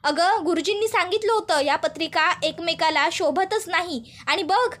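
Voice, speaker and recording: A woman's voice: very high-pitched, normal speed, fairly bright tone. A woman voicing a scheming middle-aged aunt who talks in an indignant, self-justifying way.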